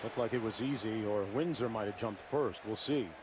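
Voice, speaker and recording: A man's voice: lowish voice, normal speed. A man calling live football play-by-play in terse, fragmentary phrases. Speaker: play-by-play announcer. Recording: loud crowd-like stadium noise. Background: loud stadium ambience.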